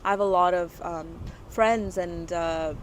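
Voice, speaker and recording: A woman's voice: on the low side, fairly even intonation, unhurried, slight background noise, rough recording. A woman in her twenties from Dubai, a guest entrepreneur talking casually in an interview, full of "you know" and "like" fillers. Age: 20s.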